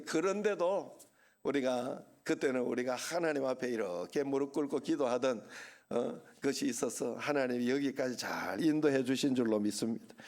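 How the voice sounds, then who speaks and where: A middle-aged male pastor with a Gyeongsang accent preaches from the pulpit in a fairly high voice. He keeps it conversational and often turns questions back to the congregation. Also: a little mellow. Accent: Gyeongsang Korean. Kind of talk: sermon. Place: church sanctuary.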